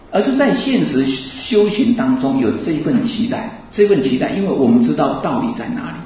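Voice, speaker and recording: A man's voice: medium pitch, slight background noise. Man preaching in an echoey hall. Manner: lively, rhetorical questions to the audience, laughing asides. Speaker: Buddhist teacher. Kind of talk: Buddhist dharma talk. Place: hall with an audience. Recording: echoey hall, distant mic, dull sound.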